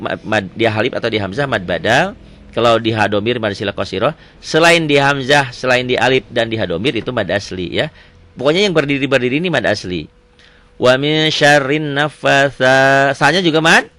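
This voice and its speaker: A man teaching Quran recitation, quizzing a student with quick questions, repeating answers and reciting verses slowly. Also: mid-range voice, expressive, sharp tone. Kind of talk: Quran reading lesson with a child.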